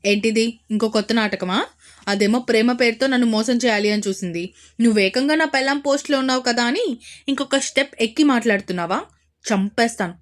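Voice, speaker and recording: A woman voicing an angry young husband who speaks in harsh, threatening warnings, a little louder than her usual reading voice. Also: medium pitch, steady tone, a little fast, natural voice. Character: stern angry rich young husband, man.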